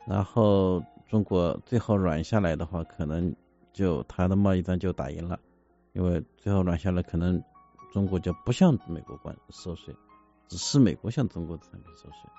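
A man in a casual political discussion, arguing his point in halting phrases with frequent restarts. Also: deep voice, creaky, dark tone. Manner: halting, many restarts and fillers, argumentative. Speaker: commentator. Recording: dull lo-fi audio with faint music.

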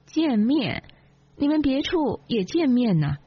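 一个话里带刺的吃醋少妇，女朗读者捏着嗓子演出来，声线偏高，略带沙哑，慢条斯理地挖苦人。. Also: female voice, high voice, big pitch swings, takes it slowly, husky, voice pushed up, full character voice. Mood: sarcastic. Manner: sarcastic, cutting. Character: sharp-tongued jealous young wife. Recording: dull lo-fi, dry.

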